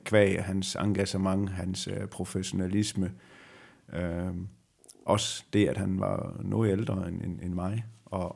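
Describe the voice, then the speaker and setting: A middle-aged man, a former rally driver, answering interview questions slowly and reflectively, often pausing to find his words. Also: low voice, vocal fry, darkish tone, slightly rough. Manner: slow, reflective, halting. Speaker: retired rally driver as guest. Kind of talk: conversational interview.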